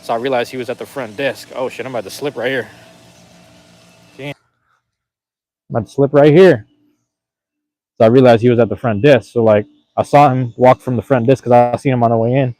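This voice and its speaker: This medium-pitched, mellow male voice keeps a fairly even intonation, runs a little fast, and leaves long pauses, with a dry recording. He's outdoors in light rain, casually rambling to viewers through his phone camera, laid-back and slangy, saying things more than once.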